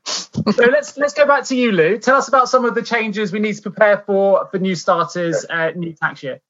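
A man's voice: high voice, a bit bright. A man hosting a panel podcast, upbeat and joking between questions. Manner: upbeat, quick praise and jokes. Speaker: host. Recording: dull lo-fi sound.

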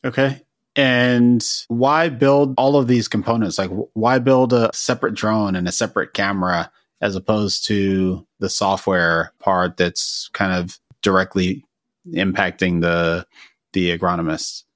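A man hosting an interview podcast, asking questions in a relaxed conversational way. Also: fairly low pitch, measured pace, dry recording, clean studio sound. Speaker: podcast host.

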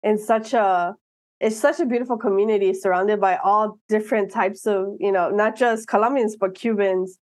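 Earnest, animated woman in her thirties. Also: medium pitch, moderate pace. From Miami, United States. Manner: earnest, animated, with frequent restarts and laughs. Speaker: guest. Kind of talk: casual interview conversation.

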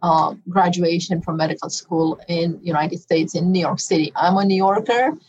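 A woman's voice: lowish voice, steady tone, normal speed, darkish tone, highs cut off. A middle-aged woman with a Romanian accent, a physician guest recalling her past in an interview in a reflective, storytelling way. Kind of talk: interview conversation.

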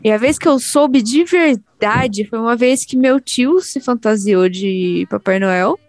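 A young adult woman, a podcast co-host, chatting casually among friends and telling lively anecdotes in which she acts out the voices. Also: on the high side, measured pace, no echo. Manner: animated storyteller, acts out voices in her anecdotes.

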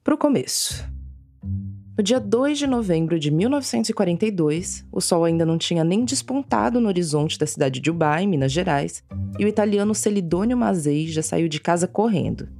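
Uma mulher narrando um podcast com texto roteirizado, em ritmo de contação de história. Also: female voice, lowish voice, animated, mellow, faint music behind. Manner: measured storytelling narration. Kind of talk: scripted narration.

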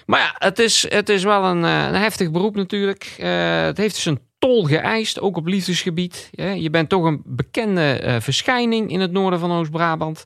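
A jittery local radio presenter, as a man puts him on, pitched well above a normal speaking voice and with an odd, distant timbre. He hesitates constantly, stumbling through fillers and restarts as he pitches himself. The delivery stays awkward and halting throughout. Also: creaky, fairly bright tone, no echo, clean studio sound. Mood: awkward, nervous. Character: nervous small-town male radio host. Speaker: dating segment presenter.

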